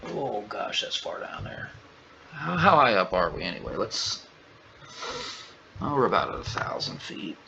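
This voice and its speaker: A man's voice: on the low side, very animated, measured pace, creaky, long pauses, pushed and bright, a little hiss or hum. A man, casually joking and exclaiming through flight simulator commentary. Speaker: gaming channel host. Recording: dull lo-fi audio, faint ambience.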